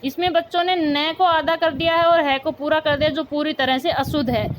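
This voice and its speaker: A woman teacher giving a school grammar lesson, saying each word slowly and repeating it for her pupils. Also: high-pitched, steady tone, slight background noise, rough recording. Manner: slow, repeats words for pupils.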